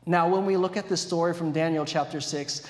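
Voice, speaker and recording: High-voiced man preaching in an echoey hall. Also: fairly quick. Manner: animated storyteller with self-deprecating humor. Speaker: pastor. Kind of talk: sermon with a personal story. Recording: echoey hall with long reverb.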